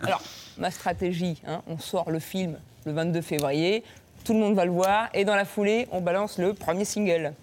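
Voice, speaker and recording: A woman's voice: on the low side, fairly even intonation, moderate pace, darkish tone, slight background noise. Playful woman doing a comic TV column. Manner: playful, bursts into sung lines and silly voices. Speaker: comic columnist on a TV talk show. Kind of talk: comic sketch with snatches of song. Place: TV studio.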